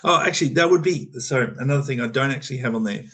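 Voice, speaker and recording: An Australian man, a program manager on a community video call, explains an opportunity in a loose, rambling way, full of fillers and restarts. His voice is medium-pitched, quick, a bit bright and slightly rough.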